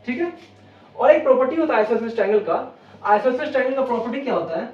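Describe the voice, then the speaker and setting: A man's voice: very high-pitched, lively intonation, fast talker. Man teaching maths, asking and answering himself. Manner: repeats questions to the viewer and answers them, stepwise explaining. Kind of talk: exam-prep maths lesson. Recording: roomy, distant, dull lo-fi sound, faint noise.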